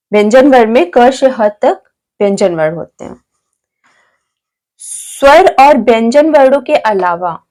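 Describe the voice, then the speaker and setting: Woman teacher, high voice, slow careful delivery, explains step by step, answers own questions. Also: a little mellow. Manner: addresses viewers as friends, asks and answers own questions; spells out letters one by one. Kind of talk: explaining grammar to viewers.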